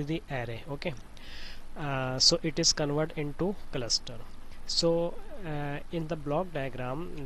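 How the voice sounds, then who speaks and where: A man giving an informal software tutorial in a halting, repetitive way with phrasing. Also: on the high side, a little hiss or hum, rough recording. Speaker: tutorial presenter.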